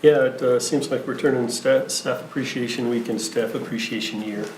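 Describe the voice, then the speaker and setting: A man shares remarks at a board meeting, pausing often and filling gaps with uh and um. He sounds sincere and a little choked up at moments. The room is echoey with a faint hum. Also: medium pitch, steady tone, a little mellow. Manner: halting, many fillers, emotional at times. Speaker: school board member.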